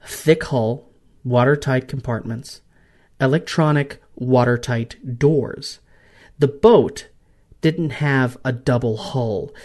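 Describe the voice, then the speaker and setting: A man's voice: medium pitch, a little mellow. Dramatic male history podcast narrator. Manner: dramatic, emphatic, pausing phrases. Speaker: podcast host.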